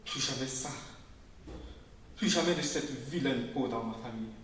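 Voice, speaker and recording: A man's voice: moderate pace, a bit bright, lightly acted. A man reading aloud as a defiant, bitter young woman narrator, with insistent rhetorical repetition. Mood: impassioned. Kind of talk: literary reading. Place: public reading in a literary venue. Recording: very echoey room, voice from far off, faint rumble.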